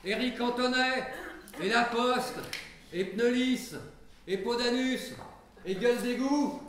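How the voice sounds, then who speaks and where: A man acting a bar regular asking after his mates in an amateur stage comedy, brisk and questioning. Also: extremely high pitch. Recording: echoey hall from far off, faint noise.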